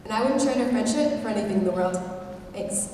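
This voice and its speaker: A woman's voice: fast talker, mellow. A young woman delivering a prepared, personal speech from a stage. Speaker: speaker at an assembly. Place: large indoor hall, on stage. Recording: echoey hall from far off, rumbling noise.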